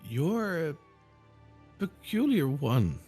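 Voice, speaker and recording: Man putting on a very old woman, slow and cryptic. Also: on the high side, very animated, darkish tone, husky, faint music behind, pitched above the performer's own voice, exaggerated voice. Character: very old woman in mossy robes, cryptic and nosy.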